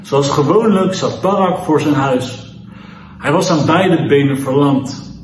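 Expressive man reading a kids' Bible story. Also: on the high side, unhurried, a little hiss or hum. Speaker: children's church leader. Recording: echoey room.

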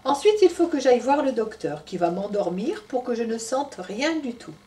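A woman teacher reading a picture book aloud to young children, pausing to explain the story to them. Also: fairly high pitch, sing-song, mellow. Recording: voice from a distance off the mic.

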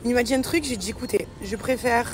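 A young woman vlogs in a casual chat to her followers, her voice a little high. She talks fast in bursts, repeats words and fills pauses. She speaks as a mother. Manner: chatty, repeats words, fillers, warm toward her daughter. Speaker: vlogger and mother.

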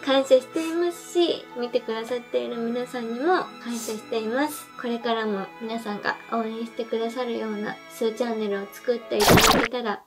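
A woman's voice: fairly high pitch, fairly even intonation, fairly quick, hardly any pauses, over loud music. A tipsy young woman hosting a casual chat and talking to her viewers. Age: young adult. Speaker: channel host. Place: indoor room, on a sofa at a table.

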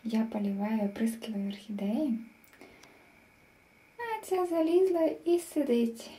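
A woman talking in a hushed voice that often drops to a whisper, fondly teasing a pet as in a casual home vlog. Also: a little high, lively intonation, takes it slowly. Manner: speaks softly, often dropping into a whisper at night; affectionate, teasing pet talk with diminutives. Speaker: pet owner and amateur plant vlogger. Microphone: handheld phone.

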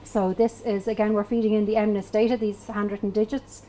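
A woman's voice: mid-range voice, brisk, a little hiss or hum, rough recording. A woman in her thirties giving a technical talk at a meetup, explaining step by step with frequent "um"s. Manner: explanatory, steady, with frequent fillers. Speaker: meetup speaker. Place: small event space with wooden walls.

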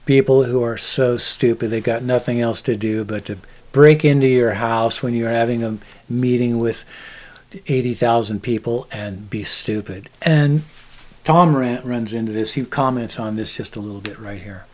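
A man's voice: medium pitch, steady tone, moderate pace. A man co-hosting a show, asking friendly, teasing, meandering questions in a home kitchen. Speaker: show co-host. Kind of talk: casual interview questions. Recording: roomy kitchen, far mic, guitar behind.

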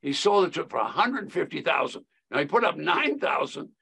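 A man's voice: fairly high pitch, very animated, normal speed, gravelly, bright, forceful tone, slightly rough. An older man explaining real estate investing on a video call, folksy and emphatic with a lot of repetition. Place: home office.

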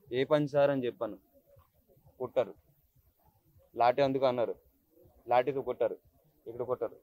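A man's voice: medium pitch, no room sound. A young man speaking at a press meet, recounting events in an agitated, emotional way and repeating himself often. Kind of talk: emotional first-person account to the press. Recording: dull lo-fi dry recording.

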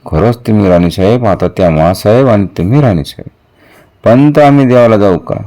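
A man's voice: lowish voice, lively intonation, brisk, dark tone. A man voicing a young, playful new bride who asks shyly for permission. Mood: pleading.

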